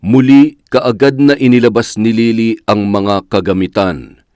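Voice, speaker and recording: A man narrating a scripted horror story in a measured, dramatic storytelling way. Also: on the low side, fairly even intonation, darkish tone, dry recording, clean studio sound.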